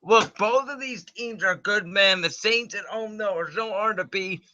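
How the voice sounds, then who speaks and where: A high-pitched man with a very bright, forceful voice talks through sports predictions in a relaxed, confident way, dropping "man" often. He sounds like a casual livestream host. The audio is muffled and lo-fi, like a cheap home computer mic. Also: measured pace. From Cleveland, United States. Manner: chatty, confident, says "man" a lot.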